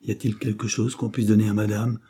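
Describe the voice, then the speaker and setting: A man voicing a calm, principled gentleman in an audiobook, measured and restrained. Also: fairly low pitch, breathy edge. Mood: firm, calm. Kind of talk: audiobook character reading.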